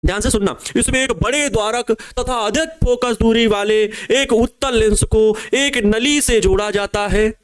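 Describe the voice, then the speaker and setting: A young man teaches a physics crash course for board exams, and his voice sits unusually high. He dictates answers phrase by phrase, going back over each bit slowly, and breaks in with friendly asides to his students. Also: smooth. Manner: casual asides calling students babua and babu.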